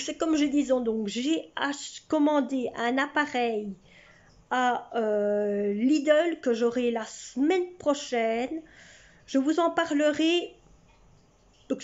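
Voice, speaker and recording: A woman in her sixties, talking to her camera at home with a high voice and an unhurried pace. She rambles along, circling back and repeating herself. The sound is a bit muffled, like a home video. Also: a little mellow. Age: 60s. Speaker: vlogger. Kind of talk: casual chat to camera. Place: at home, indoors. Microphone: camera in front of her.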